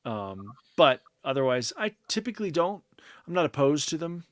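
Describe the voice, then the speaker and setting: A man's voice: fairly high pitch, big pitch swings, moderate pace, dry recording, studio quality. A man co-hosting a podcast, chatting casually and explaining things at length with lots of fillers and restarts. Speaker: podcast co-host. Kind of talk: casual chat.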